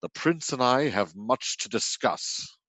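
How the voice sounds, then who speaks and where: A man's voice: medium pitch, animated, fairly bright tone, no room sound, rough recording. A man playing a gracious regal king. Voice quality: measured, regal, commanding. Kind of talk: stage radio-play acting.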